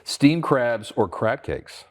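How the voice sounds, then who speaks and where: A man hosting a lightning round, teasing his guest as he runs through rapid questions. His pitch swings up and down a lot as he talks. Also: expressive. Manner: playful, teasing, laughs often. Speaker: interview host.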